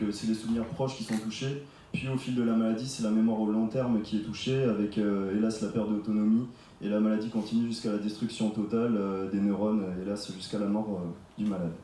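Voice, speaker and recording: Twenties French student presenter, filler-heavy, distant echoey stage. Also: male voice, lowish voice, dark tone, slight background noise. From France. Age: 20s. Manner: many fillers and restarts, explanatory. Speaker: student project leader. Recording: echoey room from far off.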